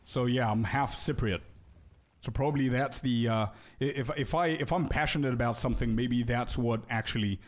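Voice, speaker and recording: In a casual stream, a young man plays a video game and responds to viewers in a warm, easygoing way. His voice is mid-range and moderately paced, and he often says bro and doubles back on words as he reasons out loud.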